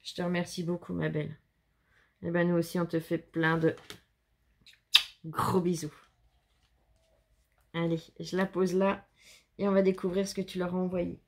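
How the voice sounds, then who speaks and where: Gravelly low-voiced French woman, chatty. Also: little pitch movement, moderate pace, long pauses, a little mellow. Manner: chatty, gushing, talks to viewers and helpers. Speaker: scrapbooking channel host. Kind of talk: casual show-and-tell of handmade cards. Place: home.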